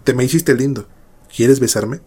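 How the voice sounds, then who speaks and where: A man's voice: medium pitch, normal speed, darkish tone, husky, close to an everyday voice. A man voicing a desperate, cursed young woman who speaks coldly and threateningly in a horror story reading. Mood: pleading. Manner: cold, threatening.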